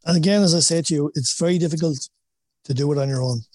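A man's voice: fairly high pitch, fast talker, darkish tone, dry recording. A man with an Irish accent from Wexford, a boxing coach answering interview questions conversationally, often repeating points and adding "you know". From Wexford, Ireland. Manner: peppers talk with "you know", emphatic repetition. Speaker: boxing coach, former boxer.

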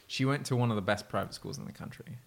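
A man's voice: mid-range voice, fast, creaky. A man hosting a casual podcast over drinks, opinionated and rambling, often trailing off and repeating words. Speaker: podcast host. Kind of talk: casual drunk chat.

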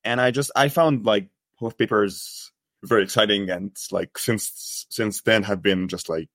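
Hesitant low-voiced man, full of fillers. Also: a little slow, fairly bright tone, no room sound, studio quality. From Egypt. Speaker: guest researcher. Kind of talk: casual podcast interview.

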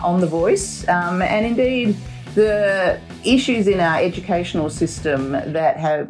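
A middle-aged woman hosting a podcast, talking in a measured, thoughtful way with frequent fillers. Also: low voice. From Australia. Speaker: podcast host. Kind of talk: casual chat.

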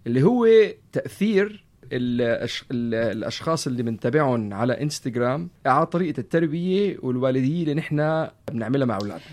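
A man in his thirties with a Levantine Arabic accent, hosting a casual podcast in an animated way, repeating phrases for emphasis. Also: medium pitch, quick pace. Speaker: podcast host. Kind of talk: casual conversational podcast chat.

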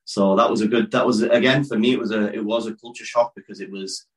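A man's voice: fairly low pitch, fairly even intonation, fast talker, poor audio. A man in his thirties, born in Pakistan and raised in the north of England, with Urdu as his first language, telling his life story as a wrestler guest in a casual interview, open and rambling with many restarts. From born in Pakistan, raised in West Yorkshire. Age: 30s.

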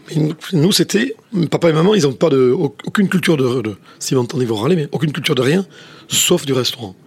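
Gravelly southwest French chef, rapid talk. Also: male voice, on the high side. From southwest France. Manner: rambling, many restarts, says "tu vois" often. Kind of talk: casual interview storytelling.

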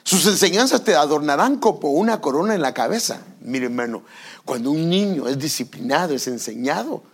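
Gravelly, lively older preacher man. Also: on the high side, a little fast. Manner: animated preaching, acts out parents and children in dialogue. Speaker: pastor. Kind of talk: sermon.

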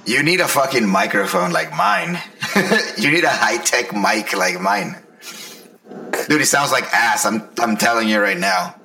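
Animated man in his forties, gravelly edge. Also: lowish voice, measured pace. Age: early 40s. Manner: profane, slangy. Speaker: podcast host. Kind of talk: casual anecdotal storytelling.

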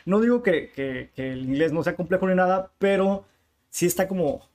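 A man's voice: high-pitched, moderate pace. A man from Tijuana with a northern Mexican accent, a bookshop owner telling stories in a casual interview with slangy asides. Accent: northern Mexican Spanish. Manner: lively storyteller with slangy asides.

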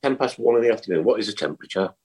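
A man's voice: on the low side, lively intonation, rapid-fire, a little mellow, slightly rough. A man hosting a casual chat with blunt, teasing banter. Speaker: talk show host.

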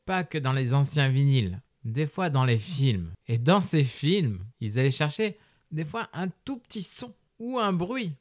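Male podcast host, casual explainer, halting with lots of fillers, dry close sound. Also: a little high, no echo. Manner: hesitant, many filler sounds and restarts; relaxed, conversational.

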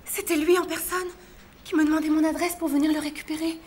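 A woman's voice: high voice, level tone, quick pace, darkish tone, a little hiss or hum. A woman acting in a comedy sketch, earnest and insistent. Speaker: office worker in a sitcom. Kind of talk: sitcom acting.

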